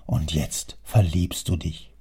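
A man's voice: extremely low pitch, flat delivery, slow, mellow, breathy edge, pitched below the performer's own voice, heavily acted. A man doing a stern old rich father. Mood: scolding. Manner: lecturing, indignant, declamatory. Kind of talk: audiobook character reading.

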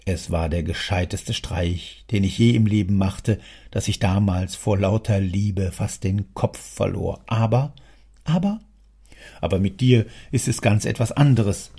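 A man voicing a stern, wealthy old father who scolds his son in an audiobook, speaking in a gravelly, husky, lecturing way. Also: on the low side, unhurried, warm tone, exaggerated voice. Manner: lecturing, indignant, declamatory. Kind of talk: audiobook character reading.

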